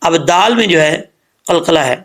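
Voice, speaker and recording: A man giving a Quran recitation lesson, who explains each rule patiently and slows down to model the sounds. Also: a little high, lively intonation, fairly bright tone.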